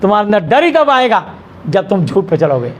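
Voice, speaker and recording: A middle-aged male pastor preaches with strong emphasis, his voice sitting notably high for a man. He asks pointed questions and answers them at once. A faint hiss of noise runs beneath his speech. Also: big pitch swings, a little fast. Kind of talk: sermon. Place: church hall with a congregation.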